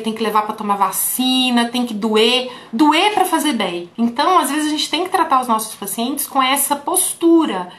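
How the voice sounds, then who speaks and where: A woman's voice: a little high, fairly bright tone. A woman therapist teaching fellow therapists through a patient story, talking straight to her viewers in a casual way. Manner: talks straight to viewers, often saying "folks". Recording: roomy echo.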